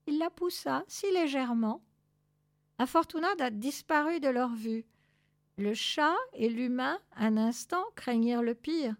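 A woman reading a children's novel aloud in an expressive, measured way. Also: sits high. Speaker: storyteller.

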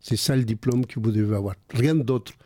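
A man's voice: mid-range voice, moderate pace, mellow, no room sound. An older man with a heavy non-native French accent, talking earnestly in a casual conversation and often repeating words while he looks for the phrasing.

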